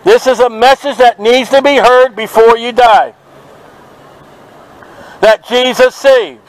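A man preaching outdoors at a market, forceful and confrontational, quoting scripture to passers-by. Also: very high-pitched, slow, poor audio. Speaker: street preacher. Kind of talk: open-air street preaching. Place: outdoors at a city market by traffic.

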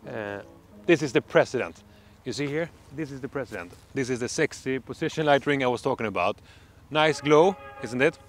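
An enthusiastic, medium-pitched man from Sweden presents a product in a demonstration vlog, speaking with a Swedish accent. He talks like an eager salesman, halting and using fillers. He's outdoors on a dark countryside road at night.

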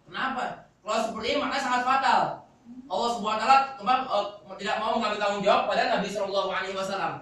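High-voiced man lecturing in an echoing hall. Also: fairly even intonation, quick pace, bright, forceful tone. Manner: explanatory, asks the class questions. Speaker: Quran recitation teacher. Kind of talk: classroom lecture. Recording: echoey hall, voice from far off.

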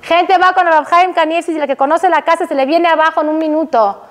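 A woman giving a religious lecture to a women's audience. She is animated, asks the audience questions and mixes in Hebrew terms. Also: very high voice, a little fast. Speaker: religious teacher. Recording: hall reverb.

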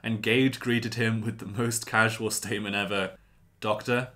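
A man with a lowish voice tells an educational story in a casual, chatty way. He drops in dry, slangy asides as he goes. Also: level tone, normal speed, pushed and bright. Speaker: YouTube host.

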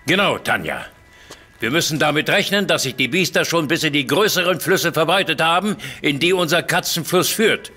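A blustering army general who barks suspicions and accusations. His raised voice is tense and forceful and sits a little high for a man, carrying the drama of a radio play. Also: expressive, moderate pace.

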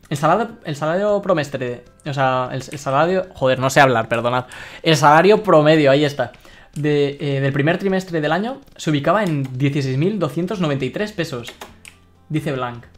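A young man from Spain chatting excitedly while streaming a game and reading his chat aloud. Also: a little high. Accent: Spain Spanish. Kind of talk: live-streamed gameplay commentary.

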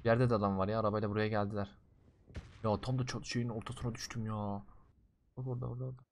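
A young man giving casual commentary while playing a mobile shooter game, slangy and excitable, swinging between loud outbursts and low muttering as he talks to his viewers. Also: quick pace, a little hiss or hum.

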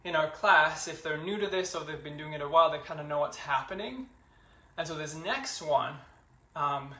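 A man teaching a yoga class, calling breath cues and explaining the flow in a relaxed, chatty way, a little out of breath. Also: fairly high pitch, echoey room.

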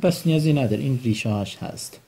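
A man's voice: mid-range voice, lively intonation, creaky, dark tone, husky. A man teaching English vocabulary, quizzing his students and having them repeat each word back. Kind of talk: vocabulary lesson with call and response drills.

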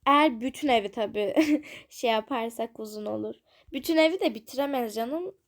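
Chatty high-voiced young woman gamer. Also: brisk. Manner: chatty, self-conscious, giggly asides to viewers. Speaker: gaming channel host. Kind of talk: casual gameplay commentary.

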